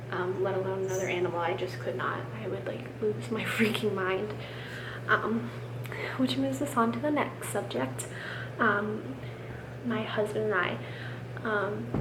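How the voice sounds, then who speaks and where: Young American woman, sore throat, roomy sound. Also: medium pitch. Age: young adult. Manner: hushed, keeping quiet, at times dropping to a whisper; rambling, self-deprecating, slangy. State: sick with a sore, swollen throat. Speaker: vlogger. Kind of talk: casual chatty vlog. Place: room at home. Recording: roomy, noisy home camera recording.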